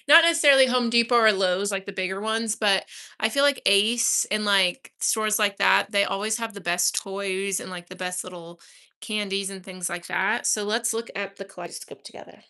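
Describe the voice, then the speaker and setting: A woman's voice: medium pitch, sharp tone, smooth. A woman chatting casually on a live stream at home, rambling fondly and talking to her houseplants. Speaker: livestreamer offering paid personal readings. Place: her own home, indoors.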